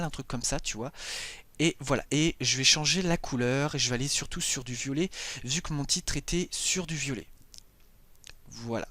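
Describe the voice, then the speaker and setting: A man giving a casual software tutorial, talking the viewer through each step with many hesitations and fillers. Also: medium pitch, no room sound. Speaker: video editing tutor.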